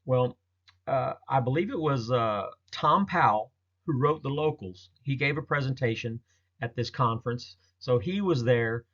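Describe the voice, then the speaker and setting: A man with a mid-range, slightly bright voice narrates a slideshow about his own field experience. He tells the story casually in a halting, rambling, folksy style, and the audio is dull and lo-fi.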